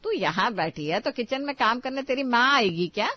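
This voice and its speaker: A woman's voice: a little high, lively intonation, fairly quick, no echo. A woman voicing a stern, nagging middle-aged mother-in-law who scolds her daughters-in-law sharply, in a dull lo-fi recording. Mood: scolding. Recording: dull lo-fi sound.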